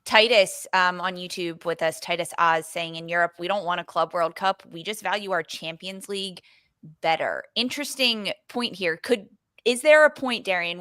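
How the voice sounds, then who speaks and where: A woman's voice: lowish voice, a bit bright, no room sound. A woman hosting a sports podcast, upbeat and leading each segment over a video call. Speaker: host.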